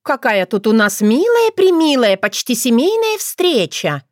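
A woman's voice: fairly high pitch, very animated, normal speed, fairly bright tone, no room sound, studio quality. A woman voicing a sarcastic young female crow, a bald bride who teases her in-laws, in a storybook reading. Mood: mocking. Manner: sarcastic, teasing.

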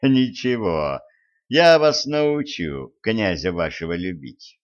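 A gruff warrior-sorcerer who barks short orders in a low voice, as voiced by a male audiobook reader. His delivery is slow and heavy, and the sound is muffled. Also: very animated. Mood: commanding. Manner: barking orders.

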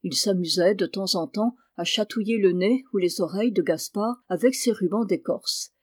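A woman reading a classic children's novel aloud, in a clear, measured way. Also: mid-range voice, a little mellow, dry recording, clean studio sound. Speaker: reader.

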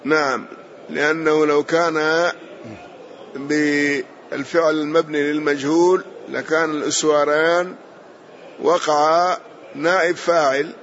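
Sheikh explaining a text, dull audio. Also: male voice, on the high side, flat delivery, measured pace, fairly bright tone. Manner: explains patiently, adds short glosses and affirmations. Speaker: sheikh explaining a hadith commentary. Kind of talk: classical Islamic lesson, explaining a read text.

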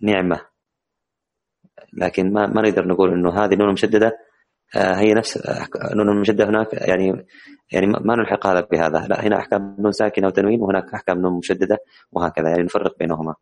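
Gravelly low-voiced man teaching recitation. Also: fairly even intonation, a little mellow. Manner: hesitant, many drawn-out fillers while explaining. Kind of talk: online class teaching Quran recitation rules.

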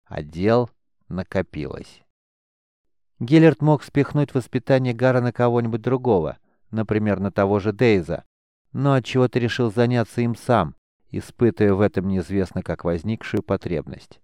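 Smooth-voiced male audiobook narrator. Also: on the low side, expressive, moderate pace, dark tone, dry recording, studio quality. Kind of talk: scripted narration.

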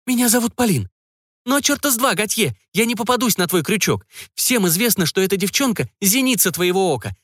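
Fierce young huntress, defiant and growling, in a high strained voice played by a man, for a dark storybook reading. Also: very animated, moderate pace, no room sound, clean studio sound, exaggerated voice. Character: fierce young female witch hunter.

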